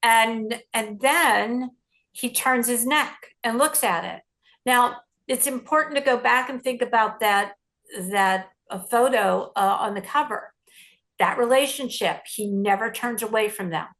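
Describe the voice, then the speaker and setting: A middle-aged woman journalist recounting a story in an interview, lively and acting out the lines she quotes. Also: a little high, a little slow.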